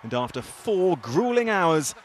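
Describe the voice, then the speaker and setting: A man's voice: a little high, sing-song, unhurried. A British man narrating a scripted sports news report with a dramatic storytelling delivery.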